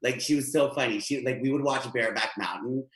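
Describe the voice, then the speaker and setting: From a room at home, a Guatemalan stand-up comedian performs his set over a webcam video call, chatty and animated as he gestures. His bright, medium-pitched voice moves briskly, and the home room sounds echoey.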